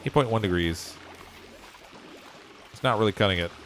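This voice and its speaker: At a moderate pace, a man with a fairly low, somewhat bright voice rambles through his thoughts during a game livestream, chuckling regularly. A faint hiss or hum sits under the recording, and his voice is fading.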